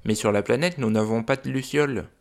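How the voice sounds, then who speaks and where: A man's voice: medium pitch, fairly quick, natural voice. A man voicing a small, shy boy dragon who sounds sulky and childlike, in a children's audio story. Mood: delighted.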